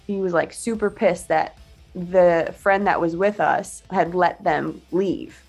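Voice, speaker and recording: A woman's voice: on the low side, takes it slowly, gravelly, a little mellow, breathy edge, faint music behind. A young woman casually telling a long story, full of "like" fillers and casual swearing.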